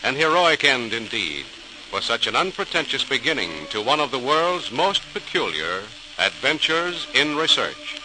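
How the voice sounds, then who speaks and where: Heard through a noisy old radio transcription, this announcer narrates a scripted 1940s radio programme in a formal, dramatic, declamatory manner. His voice is medium-pitched and very animated, at a normal speed.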